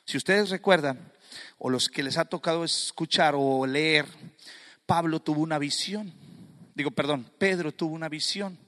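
A man preaching a sermon to a congregation in a fervent manner, rising to loud, emphatic delivery. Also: fairly high pitch, moderate pace, long reverb tail.

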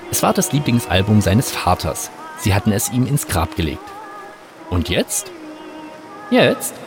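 A man narrating an audiobook in a calm, wry storytelling manner. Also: on the low side. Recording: narration over music.

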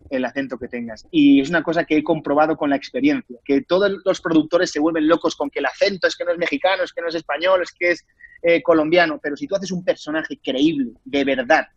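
A man with a Spanish accent from Spain, an actor being interviewed, talking in an animated, rambling way with many restarts. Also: on the high side, husky, dry recording, muffled recording. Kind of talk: casual interview conversation.

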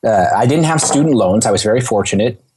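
A man's voice: lowish voice, animated, fast talker, darkish tone, slight background noise. A man talking as a podcast guest, telling stories in an informal, digressive, conversational way. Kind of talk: casual conversational storytelling.

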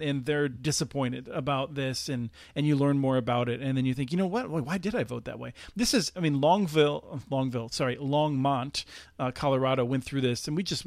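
A man with an average pitch talks policy with eager energy, often restarting his sentences. His voice sounds dry and close, with no room around it. The tone is casual podcast conversation. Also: a little fast, dry recording. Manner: enthusiastic, many restarts and laughs. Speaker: policy researcher guest.

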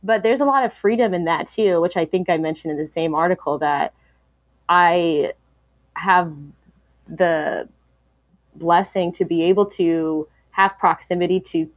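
A woman's voice: on the low side, unhurried, no room sound, clean studio sound. A woman speaking as an interview guest, talking candidly and reflectively, with many fillers and restarts.

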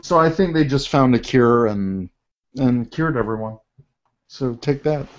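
A man co-hosting a podcast in casual chat, reacting quickly and asking questions. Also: medium pitch, lively intonation, highs cut off. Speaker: podcast co-host.

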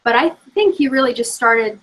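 Chatty female podcast co-host, slightly high voice, loose filler-heavy talk. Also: lively intonation, fairly bright tone, poor audio. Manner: chatty, fast, full of fillers like "you know". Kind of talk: casual chat.

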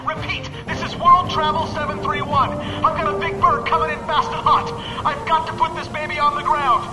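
An actor playing an airline pilot who radios an urgent mayday call from the cockpit. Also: male voice, very high-pitched, little pitch movement, moderate pace. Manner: urgent, shouting distress calls. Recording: echoey clip under loud music.

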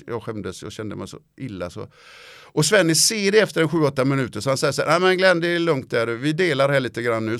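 A middle-aged man sits down as an interview guest and tells an anecdote in relaxed, lively conversation. His voice has a gravelly grain at a mid pitch, and he keeps checking in with little tags like "right?". The sound is dry and close, with no room echo. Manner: lively storyteller, tags sentences with "va?" and "liksom". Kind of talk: casual anecdotal storytelling.

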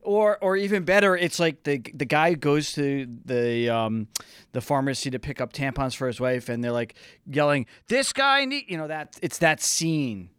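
A co-host chatting in a podcast, animated, incredulous and quick to joke. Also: mid-range voice, clear, resonant tone, no room sound, clean studio sound. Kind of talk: conversational podcast banter.

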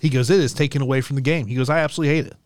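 A man in his forties co-hosting a podcast, chatting in a chummy, animated way and often repeating himself. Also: mid-range voice, very fast, dry recording. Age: 40s. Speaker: podcast co-host. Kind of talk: casual sports chat.

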